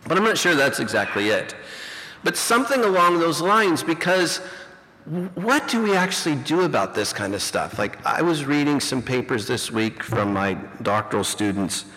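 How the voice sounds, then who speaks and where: Middle-aged pastor on a fuzzy distorted recording. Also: male voice, mid-range voice, animated, normal speed, sharp tone. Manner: reflective, rambling, heavy on "you know". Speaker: pastor and teacher. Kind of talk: conversational sermon. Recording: distorted, reverberant hall recording.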